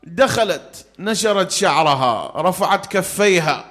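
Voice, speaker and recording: A man's voice: high-pitched, animated, unhurried, fairly bright tone. A man reciting a mourning sermon, moving between storytelling and melodic, wailing chant. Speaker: religious elegy reciter. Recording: reverberant hall.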